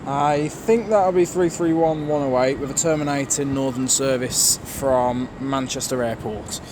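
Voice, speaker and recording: A man's voice: medium pitch, measured pace. A man giving casual, off-the-cuff train commentary with grumbling, sarcastic asides. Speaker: trainspotting video maker. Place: large railway station concourse or platform. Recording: noisy railway station ambience.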